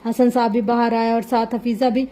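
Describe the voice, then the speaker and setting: A woman narrating a novel in a dramatic reading. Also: a little high. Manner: dramatic, even-paced reading. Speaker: novel reader.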